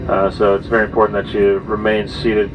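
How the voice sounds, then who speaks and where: A male airline pilot speaking from the flight deck over the cabin loudspeaker, making halting announcements with frequent "uh" fillers. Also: fairly low pitch, monotone. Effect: heard over the aircraft cabin loudspeaker from the flight deck. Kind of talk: in-flight public address announcement. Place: airliner cabin while taxiing. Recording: distant cabin speaker with engine hum.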